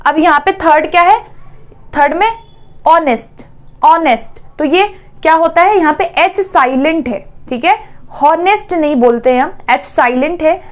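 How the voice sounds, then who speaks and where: A woman teaching an exam-prep grammar lesson, repeating words slowly and checking in often. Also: sits high.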